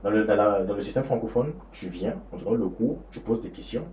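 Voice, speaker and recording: A man's voice: on the low side, brisk, dark tone, slight background noise. A young man from Niger talking casually in a vlog, rambling and repeating himself with many fillers. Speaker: student vlogger. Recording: roomy echo, faint ambience.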